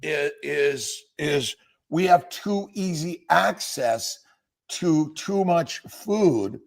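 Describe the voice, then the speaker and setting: A man's voice: on the high side, animated, extremely slow, creaky. A man hosting a live health talk show, rambling and repeating words as he quizzes his guest. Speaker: doctor and show host. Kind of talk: casual livestream talk.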